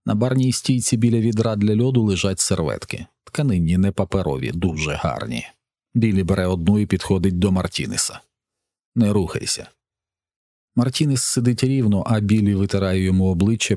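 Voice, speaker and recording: A man reading a novel as an audiobook narrator, in an even, measured storytelling voice. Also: low voice, dry recording, clean studio sound. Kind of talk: scripted narration.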